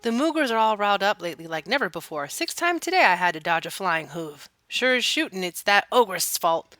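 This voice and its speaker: A suspicious, folksy farm villager voiced by a woman grumbles in video game dialogue. The voice is bright and sharp, recorded very dry. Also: mid-range voice, lively intonation, brisk, dry recording. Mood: suspicious, grumbling. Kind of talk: video game character read-aloud.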